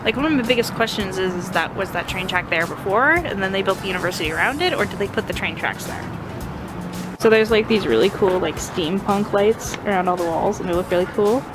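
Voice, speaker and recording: Outdoors on a campus, a young woman chats casually through a walking vlog tour. She talks briskly in a mid-range voice while music plays behind her.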